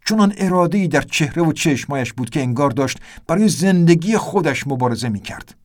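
A man's voice: a little high, animated, a little mellow. A man narrating an audiobook adventure in a tense, vivid storytelling manner.

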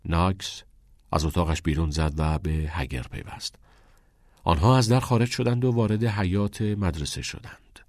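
A man reading a novel aloud as narrator in a calm, measured way. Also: sits low, no room sound, studio quality. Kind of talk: audiobook narration.

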